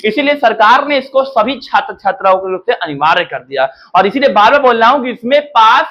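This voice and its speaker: A man with a high voice gives a relaxed, informal lecture to college students. He often stops to check that they follow and tells them not to worry. The audio is dull and lo-fi. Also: a little fast. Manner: repetitive, checks in with "theek hai na", reassuring. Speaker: commerce teacher. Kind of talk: casual classroom-style lecture.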